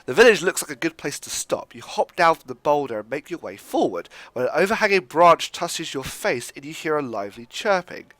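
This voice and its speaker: Young male gaming host, upbeat chatty commentary, animated pitch, dry close mic. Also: a little fast, hardly any pauses, no room sound. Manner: upbeat, chatty, frequent fillers and restarts. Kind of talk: casual gameplay commentary, reading game text aloud.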